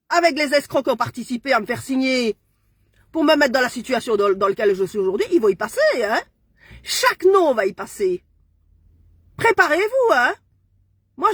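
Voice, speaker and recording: A woman's voice: high voice, animated, brisk, a bit bright, slightly rough, no room sound. A woman, ranting furiously on a social media live stream and punctuating her lines with "hein". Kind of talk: angry live-stream rant.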